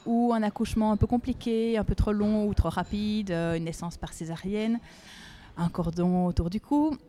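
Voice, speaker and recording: A woman, a speech therapist explaining her work in a podcast interview, calm and hesitant with many fillers. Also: medium pitch, moderate pace, slight background noise.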